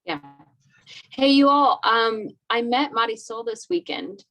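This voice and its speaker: Woman on a video call, chatty storyteller, slightly high voice, lots of "like". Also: a little slow. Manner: chatty, animated, lots of fillers. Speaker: meeting participant. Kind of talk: casual storytelling in a meeting.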